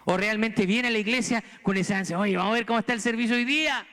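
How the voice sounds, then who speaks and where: Bright, high-voiced Chilean pastor preaching. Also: male voice, fast, long reverb tail. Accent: Chilean Spanish. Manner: earnest, exhorting, rhetorical questions to the congregation. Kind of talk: sermon. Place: church sanctuary.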